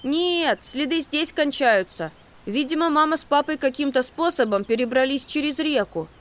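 A reader voicing a restless, easily frightened little boy mouse who is afraid of heights, in an audiobook. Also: lightly acted. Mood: certain. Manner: excitable, high and quick to complain. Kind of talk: audiobook character voice.

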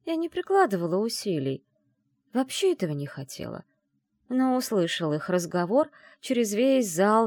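A woman narrating a first-person fantasy story in an expressive storytelling manner. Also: medium pitch, no room sound, studio quality. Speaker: audiobook narrator.

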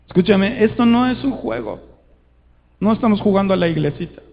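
A man preaching a sermon to a conference, urgent and fervent, swinging between loud appeals and hushed words. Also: sits high, sing-song, brisk, dull audio.

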